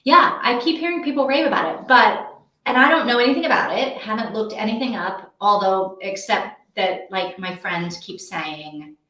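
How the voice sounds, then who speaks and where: The host of a live reading sprint stream, a woman with a mid-range, pushed and bright voice, chats animatedly at a normal speed. She rambles casually while thinking aloud, recorded in an echoey, untreated indoor room.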